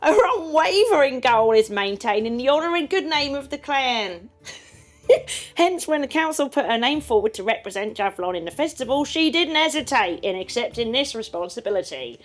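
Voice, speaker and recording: A woman's voice: high-pitched, very animated, moderate pace, soft background music. A woman voicing a noble woman knight with a put-on accent, giggling as she reads. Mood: amused. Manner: giggly, breaking into laughter.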